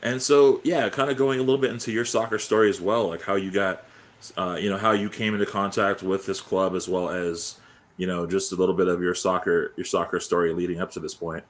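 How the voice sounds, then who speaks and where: Deep-voiced man hosting a casual interview. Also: fairly even intonation, a little fast. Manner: rambling, informal phrasing. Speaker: interviewer, host.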